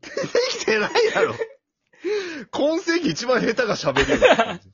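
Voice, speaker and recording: A man co-hosting a casual podcast chat, teasing his partner with quick retorts and frequent laughter. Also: extremely high pitch, huge pitch swings, a bit bright, husky, lo-fi sound. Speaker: podcast co-host.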